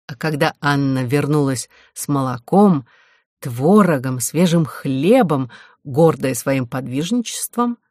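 A reader narrating a novel in an even, slow, dry manner. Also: mid-range voice, dry recording. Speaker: audiobook reader. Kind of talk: scripted narration of a historical adventure novel.

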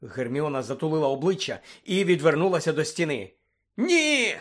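A man narrating an audiobook in a steady, dramatic reading. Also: mid-range voice, fairly quick, breathy edge.

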